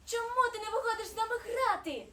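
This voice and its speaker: A woman's voice: extremely high pitch, animated, fast, sharp tone, voice pushed up, heavily acted. A woman doing a giggly sing-song snowflake. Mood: playful. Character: bubbly playful little girl snowflake. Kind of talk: storybook reading. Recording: roomy, distant mic, faint ambience.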